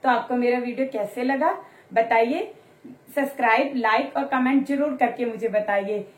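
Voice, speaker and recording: A woman teacher explains grammar to young children in a friendly, encouraging way. Her voice sits high and light, and she stretches out example words so the kids can follow. The recording carries a noticeable room echo. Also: normal speed. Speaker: Hindi teacher. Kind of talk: online grammar lesson for children. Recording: roomy echo.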